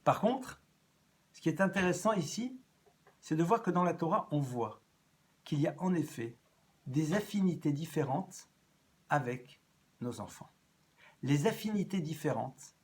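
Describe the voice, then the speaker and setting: A man giving an evening lecture as a rabbi, animated, swinging between loud rises and soft drops and repeating phrases as he thinks. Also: a little high, a little slow, pauses often. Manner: repeats and restarts phrases as he talks.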